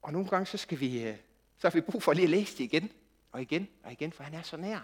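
A man preaching a sermon, moving from quiet, intimate passages to loud, impassioned outbursts. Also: a little high, husky. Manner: animated, swings from quiet intimacy to loud shouting.

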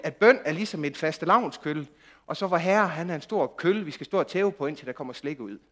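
A man preaching a sermon, moving from quiet, intimate passages to loud, impassioned outbursts. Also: on the high side. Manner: animated, swings from quiet intimacy to loud shouting.

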